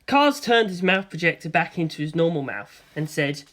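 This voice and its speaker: An audiobook narrator tells a first-person story in an expressive, theatrical style. The mid-pitched voice rises and falls in a lively way, at a moderate pace.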